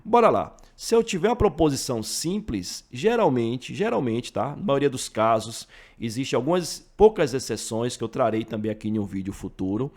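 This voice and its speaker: A man's voice: medium pitch, expressive, moderate pace, few pauses, a little mellow. A man with a Brazilian accent teaching math, explaining each step through worked examples and often checking in with the listener. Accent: Brazilian Portuguese. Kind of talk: explaining logic for exam prep.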